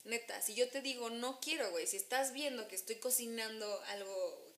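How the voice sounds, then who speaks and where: A young woman with a Mexican accent chatting casually, telling stories and acting out quotes with sudden jumps in pitch. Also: moderate pace, roomy sound. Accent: Mexican Spanish. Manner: animated storytelling, acts out quotes with jumps in pitch. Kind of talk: casual chat.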